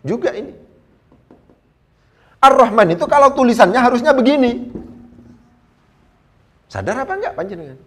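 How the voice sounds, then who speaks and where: A man teaching Quran Arabic grammar in a lecture, animated, asking his listeners rhetorical questions and reciting verses slowly. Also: very high voice, a little hiss or hum.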